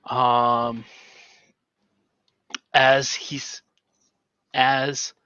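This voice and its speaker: A man narrating as game master of a tabletop role-playing game, slow and halting. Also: medium pitch, little pitch movement, pushed and bright, clear, resonant tone, dry recording, lo-fi sound.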